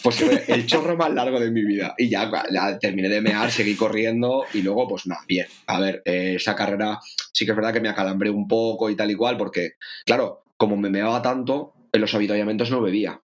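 A man telling a race story in casual chat, lively and full of swearing, acting out his own thoughts. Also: lowish voice, a little fast. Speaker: podcast co-host, triathlete.

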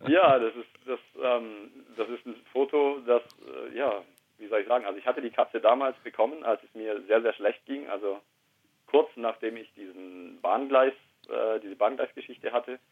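Husky-voiced man on a tinny line. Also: mid-range voice, normal speed. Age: 30s. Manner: quiet, reflective, hesitant. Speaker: guest. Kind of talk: candid personal conversation. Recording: tinny phone-line sound.

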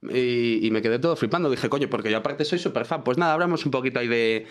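A man's voice: mid-range voice, fast talker. A young man with a Spanish accent from Spain, telling a party story in a casual, slangy way among friends. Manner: animated anecdote teller, slangy.

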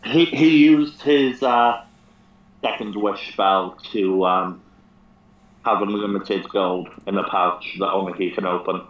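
A man rambles slowly through a story from a tabletop game, pausing often on fillers. His voice sits a little low and rings in an echoey room. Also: lo-fi sound. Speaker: podcast host. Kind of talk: casual chat, recounting a tabletop game.

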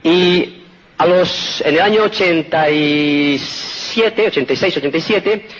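A man's voice: a little high, slow, fairly bright tone, slight background noise. A man in his forties from Spain, earnestly telling his life story to an audience in a motivational talk. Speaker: speaker giving a testimonial talk. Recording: dull lo-fi recording.

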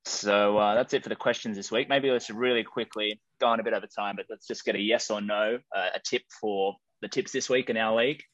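A man's voice: on the low side, fairly even intonation, a little fast, hardly any pauses, a bit bright, no room sound. An Australian man hosting a casual podcast chat, heard through a slightly dull mic. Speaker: podcast host.

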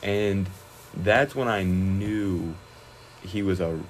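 A young man, a high school wrestler, chatting casually in an interview, relaxed and rambling with many fillers and restarts. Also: very slow, a little hiss or hum, low-quality recording.

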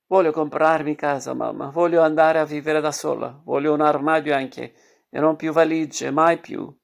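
A young woman around thirty, read by a man, insists to her mother in a firm, raised voice. There is a gravelly texture and a slightly lifted pitch. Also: steady tone, moderate pace. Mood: determined.

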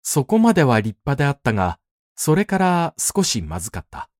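Expressive male storyteller, dry close sound. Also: medium pitch, normal speed, no room sound. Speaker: narrator. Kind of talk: scripted narration of a classic novel.

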